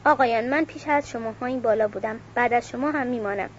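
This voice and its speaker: A woman voicing a calm, stubborn young baron while reading a novel aloud, on a dull recording with faint hiss. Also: on the high side, natural voice. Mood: firm.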